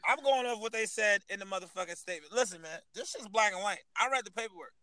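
A man co-hosting a casual podcast, telling a story in an animated way with lots of profane slang. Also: high-pitched, fast talker, no room sound, poor audio. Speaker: podcast co-host. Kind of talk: casual heated chat.

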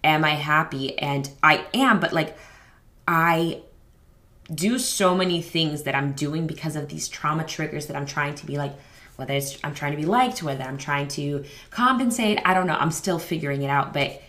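A woman's voice: sits low, normal speed, a bit bright. Candid woman hosting a parenting podcast. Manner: rambling, candid, lots of fillers and quoted self-talk. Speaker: podcast host. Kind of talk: casual conversational interview.

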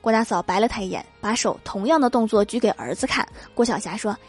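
A young woman host reading funny anecdotes as comic narration, with lively storytelling that acts out the quoted lines. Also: medium pitch, fast, breathy edge. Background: background music.

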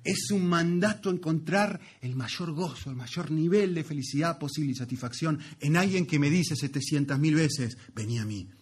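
Guy preaching, kinda husky, pitched a bit high, repeats himself for emphasis. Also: moderate pace, hardly any pauses. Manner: emphatic, repeats phrases, swings between loud and soft. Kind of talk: sermon.

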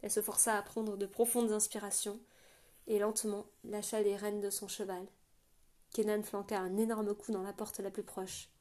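Woman reading a fantasy novel, mellow. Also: mid-range voice, little pitch movement. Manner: quiet, measured reading with small restarts. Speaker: audiobook narrator. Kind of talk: scripted fantasy novel narration.

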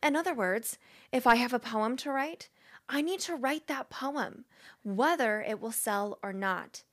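A woman doing a hushed, solemn author voice. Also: a little high, animated, a little slow. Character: woman impersonating a self-help author, solemn reading.

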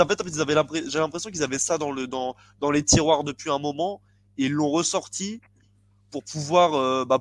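A man co-hosting a podcast, chatting casually and haltingly with frequent restarts and fillers. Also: medium pitch. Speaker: podcast co-host. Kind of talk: casual chat about boxing.

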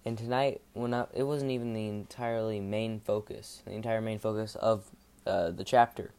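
Speaking in a clean-toned, lowish monotone, a man rambles through an informal devotional podcast talk, pausing to correct himself as he goes.

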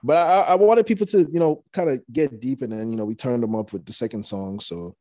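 This young man is a rapper appearing as a guest, spinning casual interview stories in a loose, rambling way full of fillers and false starts. He talks fast at a medium pitch, captured in studio quality with no room sound.

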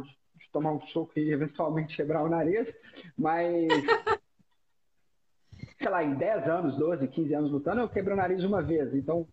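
A Brazilian man with a fairly high voice talks reflectively while nursing a broken nose. He feels his way through ideas, doubling back on words. The recording is a little dull, with faint noise behind him. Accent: Brazilian Portuguese. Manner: halting, repeats words and phrases. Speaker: interview guest. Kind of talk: casual reflective conversation. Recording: dull audio with background noise.

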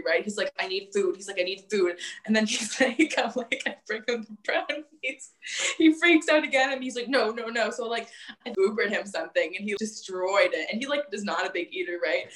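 Animated young woman telling a story. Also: medium pitch, brisk. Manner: animated, filler-heavy, acts out quoted voices. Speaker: podcast guest. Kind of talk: casual storytelling.

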